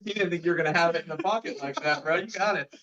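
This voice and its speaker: A man's voice: a little high, very fast, pushed and bright. Casual man, distant and muffled. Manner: laid-back slangy talk. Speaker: band member being interviewed. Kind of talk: casual chat. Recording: dull lo-fi sound, off mic.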